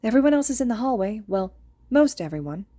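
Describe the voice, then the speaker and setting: Brief: woman playing a friendly high-voiced schoolgirl hero for a read-aloud story. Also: sing-song, quick pace, warm tone, no room sound. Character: cheerful teenage girl hero student.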